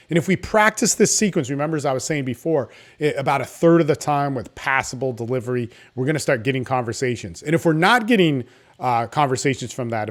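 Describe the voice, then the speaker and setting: A man giving informal coaching advice in a confident, salesy, casual way, often checking in with "right?". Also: medium pitch. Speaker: dating coach.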